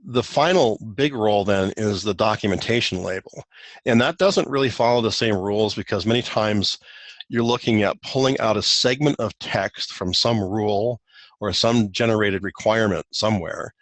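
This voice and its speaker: A man's voice: on the low side, moderate pace, dry recording. A man presenting a technical guide in a recorded webinar walk-through, explaining loosely with many fillers and restarts.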